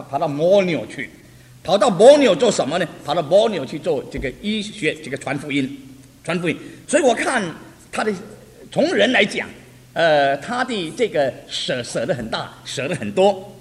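A man preaching a testimony sermon, telling stories animatedly, repeating phrases and chuckling. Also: sits high. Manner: repetitive, animated storytelling with chuckles. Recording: reverberant hall, faint noise.

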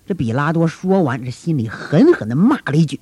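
A man telling a story in a colloquial, animated storytelling style with folksy asides. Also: fairly high pitch, a little fast, slightly rough, no echo. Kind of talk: traditional storytelling.

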